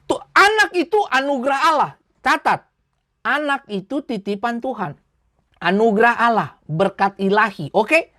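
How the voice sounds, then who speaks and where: A woman's voice: a little high, expressive, moderate pace, bright, forceful tone, no room sound, clean studio sound. A woman preacher, giving a sermon full of scolding rhetorical questions and small acted-out skits. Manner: acts out quoted voices in short skits.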